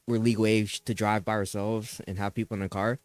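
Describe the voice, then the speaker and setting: A young man hosting a podcast, telling childhood stories in a lively way, laughing and swearing freely. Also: lowish voice, a little fast, no echo, faint music behind. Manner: animated storyteller, laughing, swearing. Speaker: podcast host. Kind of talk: casual chat.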